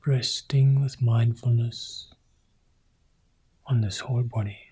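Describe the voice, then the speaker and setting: Calm and unhurried, this meditation teacher guides his practice with few words and long silences. The man's voice is medium in pitch, with a soft, breathy, husky quality.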